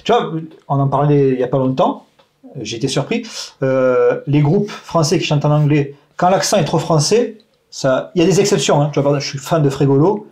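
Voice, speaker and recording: Man, musician, casual chat, slightly high voice, relaxed, questioning, lots of fillers. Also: fairly quick. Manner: relaxed, chatty, asks questions, uses fillers. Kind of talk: casual round-table chat.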